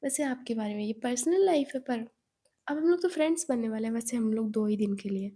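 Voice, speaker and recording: A woman voicing a lively, outspoken young woman friend who talks in a chatty, emphatic way. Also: on the high side, fast, slightly rough.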